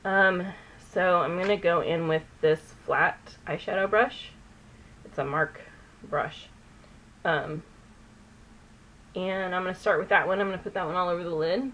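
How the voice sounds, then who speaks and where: A woman with a notably low voice chats her way through a get-ready-with-me, rambling between topics and pausing to hunt for names. The recording sounds a little dull and lo-fi, with a faint hiss behind her. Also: a bit bright. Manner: rambling, chatty, loses words mid-sentence. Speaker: beauty vlogger. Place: at home doing her makeup.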